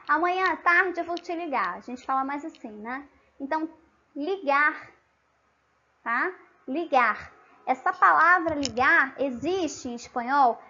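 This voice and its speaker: A woman's voice: sits high, sharp tone, dull audio. A woman with a Brazilian Portuguese accent giving an online language lesson, patient and explanatory, often checking in with the listener. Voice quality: patient, repeats and checks with frequent tag questions. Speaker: language teacher.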